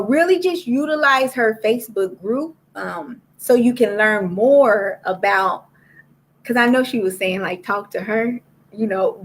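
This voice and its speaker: Her book club is live-streamed, and this woman from Florida addresses viewers directly in a chatty way using a laptop or phone microphone. Her voice is medium-pitched and a bit bright.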